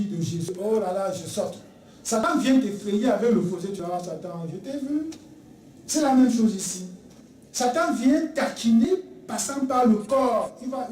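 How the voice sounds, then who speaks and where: A preacher in full sermon mode, hammering home repeated phrases and slipping into quick acted exchanges. The voice is mellow and dark in tone, heard from well back in a reverberant church with a faint hum of ambience. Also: mid-range voice, far from the mic. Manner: emphatic, repeats key phrases, acts out dialogue. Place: church sanctuary. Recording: echoey church recorded from afar.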